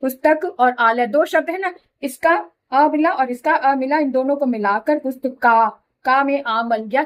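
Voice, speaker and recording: A middle-aged woman with a high voice explains grammar to her students. She is patient, goes through each example slowly and repeats it. She keeps checking that they follow along. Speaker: Hindi grammar teacher. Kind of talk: classroom explanation.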